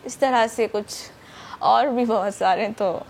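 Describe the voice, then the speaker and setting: A woman's voice: a little high, vocal fry. A young woman from Pakistan, a voice-over artist, chatting eagerly in a morning show interview with many fillers. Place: TV studio.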